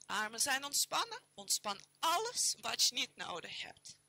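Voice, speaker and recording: A woman with a Dutch accent leading a yoga class, giving calm, steady cues timed to the breath. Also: a little high, a little slow, creaky. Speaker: yoga instructor. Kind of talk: guided yoga class instruction.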